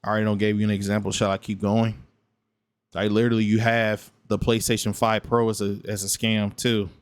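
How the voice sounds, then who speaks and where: A man's voice: lowish voice, flat delivery, a little fast, clear, resonant tone, no room sound. Blunt, tired man streaming late at night, keeps repeating himself, dry close sound. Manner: repetitive, blunt, argumentative. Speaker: gaming streamer responding to another streamer. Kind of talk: late-night casual reaction commentary.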